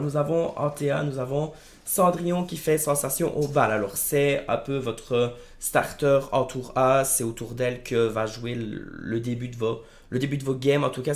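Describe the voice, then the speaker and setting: A man with a hoarse, strained voice after a throat infection, giving casual, familiar commentary for a card game video. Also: medium pitch. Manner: familiar, informal address to viewers. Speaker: video creator presenting card game decks.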